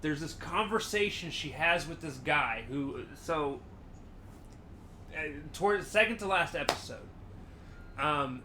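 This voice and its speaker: Excitable bright-voiced man podcaster. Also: on the high side, unhurried, long pauses, a little hiss or hum. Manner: animated storytelling, acts out quotes. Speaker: podcast co-host. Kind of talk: casual chat.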